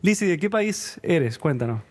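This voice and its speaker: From a church studio, a Chilean man hosts a talk show, reading scripture and greeting viewers before he chats with his guest. His voice is a little high with big pitch swings at a moderate pace, and he comes across as a warm, friendly interviewer.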